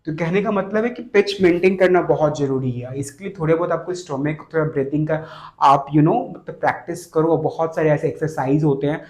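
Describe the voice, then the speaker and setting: A man coaching on voice in a casual spoken lesson, with a slightly high voice. He keeps repeating his points and asks quick rhetorical questions. The sound carries a roomy echo. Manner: repetitive, rhetorical questions to the viewer. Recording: echoey room.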